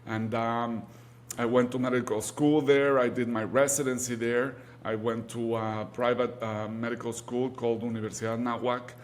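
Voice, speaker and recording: A native Spanish speaker from Mexico City, an orthopedic surgeon with a Mexican accent, answers interview questions as a guest, hesitating and repeating words for emphasis. His medium-pitched voice is flat and moves at a normal speed.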